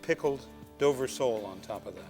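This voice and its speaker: A man working as the chef on a cooking show, explaining each dish in a relaxed, plain way. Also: medium pitch, brisk, faint music behind. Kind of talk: casual cooking-show presenting.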